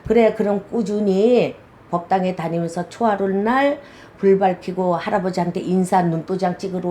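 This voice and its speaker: A middle-aged woman with a slightly high voice speaks as a shaman in a casual interview. She talks bluntly and with animation, slipping into other people's voices as she retells conversations. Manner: blunt, animated storytelling with quoted dialogue.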